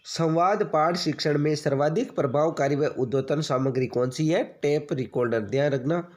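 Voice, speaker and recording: Guy teaching exam prep, kinda high voice, asks a question then answers it himself, repeats everything. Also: normal speed, darkish tone. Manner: keeps addressing listeners as friends.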